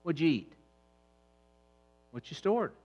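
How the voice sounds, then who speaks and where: A middle-aged man giving a humorous, animated church talk on eating habits, swinging between quiet asides and loud bursts. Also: fairly high pitch, slow pace, highs cut off. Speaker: fitness trainer speaking at church. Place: church hall.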